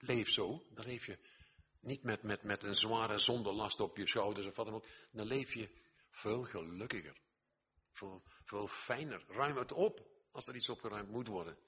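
An older man preaches an earnest sermon, his low voice husky yet forceful. He repeats phrases and builds to emphatic peaks as he exhorts his listeners. The recording is dull and lo-fi. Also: moderate pace.

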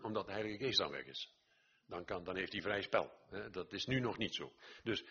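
A man's voice: lowish voice, sharp tone, breathy edge, highs cut off. An older man preaching an earnest sermon, exhorting his listeners, repeating phrases and swelling to emphatic peaks.

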